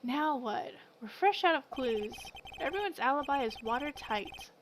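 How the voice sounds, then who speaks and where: A woman's voice: high voice, lively intonation, normal speed, background noise. A woman voicing an anxious young male defense attorney who makes wry, worried remarks.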